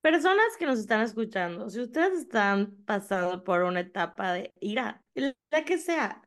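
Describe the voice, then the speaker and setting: A woman's voice: on the high side, very animated, moderate pace. A woman with a Mexican accent, a psychologist co-hosting a podcast, talking in a playful, confiding way. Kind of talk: casual chat.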